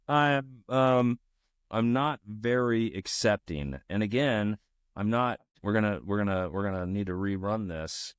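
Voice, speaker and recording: A man with a low voice talks through his coding session, cursing and complaining as things break. His pitch swings widely between muttering and outbursts, and the sound is dry and close. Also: smooth, no room sound. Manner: frustrated, swears constantly at the AI tool, lively. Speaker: podcast host coding on screen. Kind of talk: casual screen-share commentary while coding.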